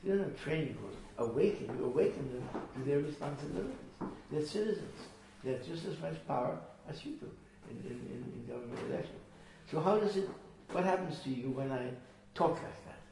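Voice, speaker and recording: A man's voice: on the high side, animated, a little fast, few pauses, warm tone. A man teaching a small group, earnest and emphatic, often repeating his phrases. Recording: echoey room from far off with faint noise.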